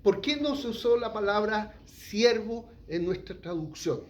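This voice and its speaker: A man's voice: high voice, animated, unhurried. A middle-aged man, teaching a sermon and asking the congregation questions. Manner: asks the congregation questions, frequent "¿ya?". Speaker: pastor.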